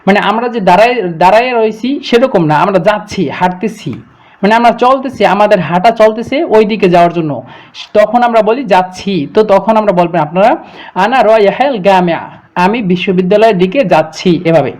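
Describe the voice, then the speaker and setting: A man teaching a beginner Arabic lesson, saying each phrase slowly and repeating it for learners to copy. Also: high-pitched. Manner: slow, repeated model pronunciation.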